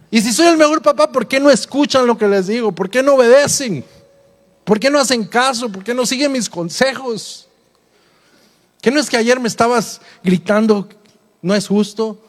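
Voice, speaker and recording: A middle-aged male pastor preaches with a humorous, conversational touch, stacking rhetorical questions. His voice sits high for a man and rings with the long reverb of a large church hall. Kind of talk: sermon.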